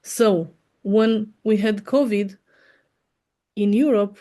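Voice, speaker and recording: A woman's voice: mid-range voice, steady tone, takes it slowly, mellow. A woman from Denmark, an English speaker co-hosting a podcast, frank and earnest. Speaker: podcast co-host. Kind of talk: casual opinionated chat.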